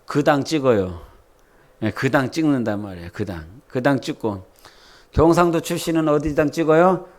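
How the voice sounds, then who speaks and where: A man's voice: medium pitch, moderate pace, darkish tone. A man from preaching a sermon, talking casually and quizzing the congregation with questions. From Jeolla, South Korea. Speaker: pastor.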